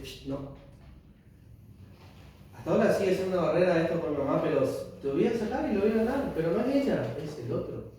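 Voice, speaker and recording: Rioplatense male lay preacher, earnest testimony, slightly high voice, distant mic, faint noise. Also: warm tone, heavy reverb. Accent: Rioplatense Spanish. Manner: earnest, reads scripture slowly and emphatically. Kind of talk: informal sermon testimony.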